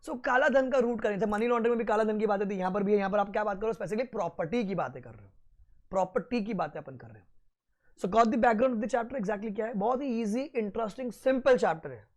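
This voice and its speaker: A young man giving an animated law lecture in a mix of Hindi and English with an Indian accent, slowing down to dictate notes and then rushing through asides. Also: high-pitched.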